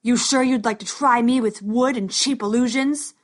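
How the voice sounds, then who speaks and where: A woman's voice: fairly high pitch, normal speed, close to an everyday voice. A woman narrator voicing a menacing armored male thug who taunts his opponent. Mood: taunting. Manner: taunting, sneering.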